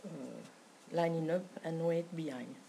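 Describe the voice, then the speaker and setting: A woman speaking as a student pilot practising air traffic control radio calls, halting and unsure through the set phrases. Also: deep voice, dark tone, low-quality recording.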